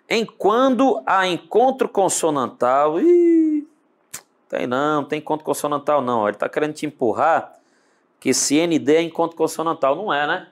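A man with a Brazilian Portuguese accent teaching an online exam-prep lesson, speaking straight to the student and drawing words out slowly as he breaks them down. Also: on the high side. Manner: animated, talks to the student directly with lots of tag questions; drawls words out slowly when spelling them.

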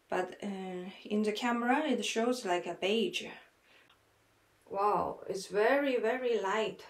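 Slow halting woman vlogger, echoey room. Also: mid-range voice. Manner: halting, with many pauses and fillers. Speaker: fashion vlogger. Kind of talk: casual unboxing and try-on. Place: small room at home, indoors.

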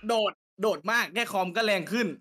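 A man in his twenties answers questions with cheeky, boastful jokes. His voice sits a little high, and he talks fast. He banters easily and never takes the questions seriously. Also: steady tone, a crowd in the background. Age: 20s. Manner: cocky, joking. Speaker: applicant being interviewed.

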